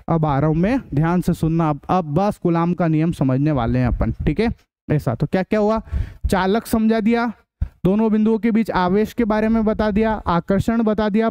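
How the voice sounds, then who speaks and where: Male teacher, high mellow voice, dry close sound, repetitive quizzing. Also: smooth, dry recording. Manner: repetitive, quizzing questions to students. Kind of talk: classroom science lesson.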